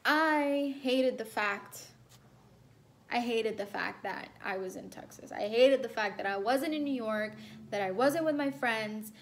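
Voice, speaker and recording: A woman's voice: a little high, a little slow, a little hiss or hum. A young woman from El Salvador telling a personal story to camera in a casual, rambling way, full of ums and repeats. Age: young adult. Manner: chatty, rambling, many ums and repeated phrases. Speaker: vlogger.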